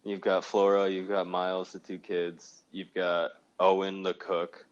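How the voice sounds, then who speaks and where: A man with a very deep voice co-hosts a casual podcast conversation. He sounds laid-back and drops in short remarks and quick asides, with occasional longer stretches of his own. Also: completely flat delivery, lo-fi sound. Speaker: podcast co-host. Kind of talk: casual chat.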